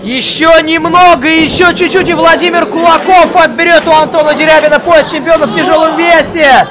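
A man doing excited live play-by-play as a wrestling commentator, calling out move names and drawing out key words. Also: extremely high pitch, brisk. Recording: crowd noise of a live event. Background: live wrestling crowd.

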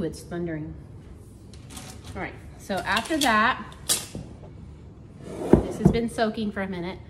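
In her home kitchen, a middle-aged woman narrates a casual cook-along for her vlog, chatty and musing aloud as she goes. She has a mid-range voice. Background noise, including clattering dishes and pans, comes through the counter-mounted camera.

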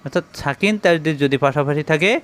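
A man teaching Quran reading, spelling Arabic letters out one syllable at a time with slow, patient drilling. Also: a little high, fairly bright tone, clean tone.

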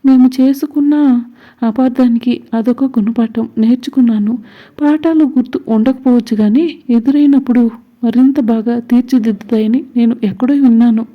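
A woman's voice: on the high side, steady tone, moderate pace, narrow, tinny audio, natural voice. A woman voicing a cold young man who scolds with repeated questions. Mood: curt scolding.

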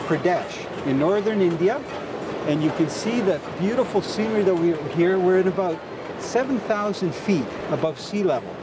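A middle-aged fishing host narrates on location beside a mountain river, enthusiastic and explanatory. His voice sits a little high for a man. Steady outdoor water noise runs underneath. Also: moderate pace.

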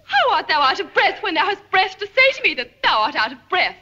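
A woman's voice: high-pitched, unhurried, slightly rough, heavily acted. An impatient young girl in love. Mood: eager. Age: young adult. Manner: breathless, pleading, excited. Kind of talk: 1950s film acting. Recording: dull old film soundtrack with music.

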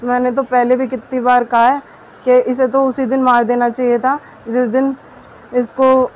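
High, flat-toned young woman recounting. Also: normal speed. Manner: earnest, detailed recounting. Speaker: interviewee. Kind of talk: news interview testimony. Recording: dull muffled audio with faint noise.

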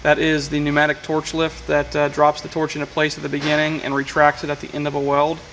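A man's voice: a little high, completely flat delivery, a little fast, fairly bright tone, a little hiss or hum, rough recording. A man, a welding equipment technician, walking through a machine's control panel in a matter-of-fact way, with frequent fillers, recorded in a workshop on a camera mic. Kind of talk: hands-on equipment demonstration.

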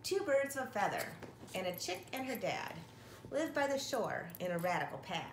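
Very animated at a moderate pace, a middle-aged woman with a medium-pitched voice reads a picture book to young children in the expressive style of a teacher with her class. A nearby camera or phone captures her in a home living room, and the sound is roomy with a little faint noise.

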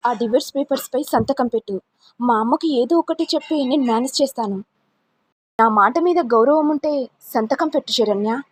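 A woman's voice: sits high, normal speed, breathy edge, dry recording. A woman voicing a young husband who scolds his wife with contempt. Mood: scornful. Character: angry scornful young husband.

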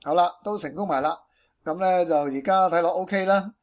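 A man with a Hong Kong accent and a high-pitched voice explains things step by step in an informal tutorial style. He peppers his speech with English technical terms. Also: moderate pace. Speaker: programming tutorial presenter.

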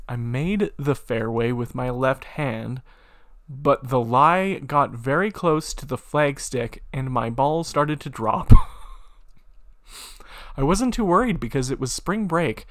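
A male YouTuber reads computer-written stories aloud at an unhurried pace, adding casual commentary into a desk mic. His voice is a little high and a bit bright, and he sounds amused, breaking into laughter as he reads.

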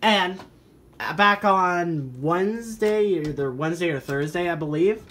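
A man with a high, somewhat bright voice gives a casual, halting show-and-tell of his weather radio collection, thinking aloud from behind a handheld camera or phone. He's a hobby vlogger filming in an indoor room at home. The amateur home recording is noisy.

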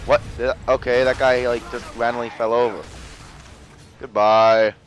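A man giving casual gameplay commentary, excitable and jokey, with frequent exclamations and swearing. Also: mid-range voice, moderate pace, poor audio. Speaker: gamer narrating a let's play.

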